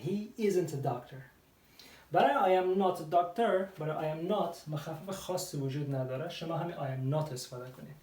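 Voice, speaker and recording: A male English teacher, giving a whiteboard grammar lesson. He reads English examples slowly and draws them out, then explains quickly. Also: on the high side, mellow. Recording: roomy, distant mic.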